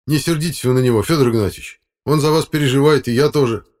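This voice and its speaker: A man's voice: medium pitch, quick pace, darkish tone, voice pushed up, lightly acted. A man voicing a young village driver who speaks in a soothing, reasoning way. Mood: placating.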